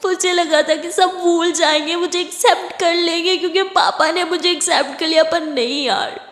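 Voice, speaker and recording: A woman's voice: high-pitched, normal speed, a bit bright. A woman voicing a tearful, hurt young woman who pleads through sobs, in a spoken story. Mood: tearful pleading. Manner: sobbing, pleading. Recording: roomy echo, long reverb.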